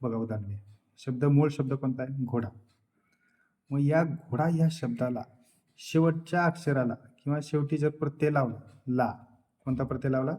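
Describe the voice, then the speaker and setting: A man teaching a grammar lesson for exam preparation. He asks questions, answers them himself, repeats the key terms and now and then clears his throat. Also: mid-range voice, normal speed, dark tone.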